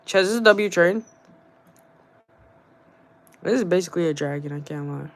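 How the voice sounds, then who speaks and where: In a relaxed livestream about game trading, a young streamer speaks at normal speed with a medium pitch and some vocal fry. He talks to viewers in slangy bro-speak, circling back to short phrases repeatedly.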